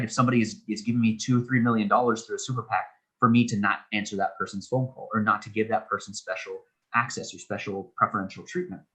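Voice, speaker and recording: A man's voice: medium pitch, sharp tone, husky, poor audio. A man in his thirties, a political candidate being interviewed, explaining his views earnestly at length with frequent restarts. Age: 30s. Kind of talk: casual interview talk.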